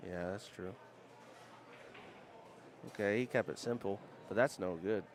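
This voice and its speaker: A man's voice: fairly low pitch, a little slow, a crowd in the background. A man in his late twenties commentating live pool, analyzing each shot as it happens. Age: 20s. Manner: analytical, calls the shots as they happen.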